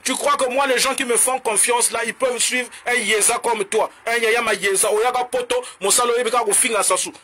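High-pitched, husky Congolese man ranting. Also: fairly even intonation, sharp tone. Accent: Congolese French. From Republic of the Congo. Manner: combative, mocking, switching languages in rapid bursts. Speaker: political commentator. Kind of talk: heated political rant to camera.

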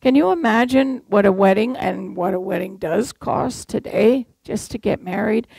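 Conversational and story-driven, this sermon comes from an older woman from Massachusetts who asks her congregation rhetorical questions. She speaks at a medium pitch and moderate pace, her darkish voice showing vocal fry and slight roughness in a dry recording.

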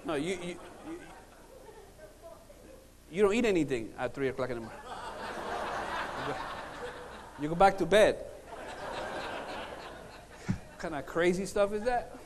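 Male preacher, middle-aged, high register, emphatic storyteller, big echoing hall PA sound. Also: background noise. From Puerto Rico, born in Cuba. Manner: animated storytelling, emphatic pauses and repetition. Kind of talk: sermon with humorous personal stories. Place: large conference hall, on stage at a lectern. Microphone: lapel mic. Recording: reverberant hall sound system.

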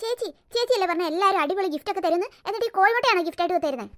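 Woman voicing a cartoon teen girl, very high and shrill, rapid-fire, whiny and greedy. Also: lively intonation, a bit bright. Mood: indignant. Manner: whiny, complaining, indignant. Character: Paru, sulky greedy young teen girl. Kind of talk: cartoon voice acting.

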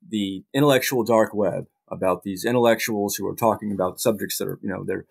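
A middle-aged man, a journalist guest in a casual interview, talking in halting bursts with many restarts and dry asides. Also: lowish voice, creaky, darkish tone, slightly rough.

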